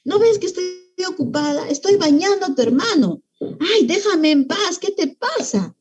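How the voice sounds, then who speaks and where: A woman acting out a shrill, exasperated mother. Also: very animated, takes it slowly, a little mellow, faint music behind, heavily acted. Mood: exasperated scolding. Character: angry stressed mother scolding her daughter.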